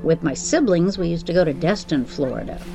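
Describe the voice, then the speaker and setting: Middle-aged female podcast host, slightly low register, scripted personal storytelling over music. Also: animated, fairly quick, creaky, low-quality recording.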